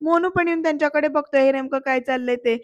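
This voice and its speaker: A woman's voice: sits high, quick pace, no room sound, muffled recording. A woman narrating a voice-over recap of a TV serial episode in a chatty way, often turning to address the viewers.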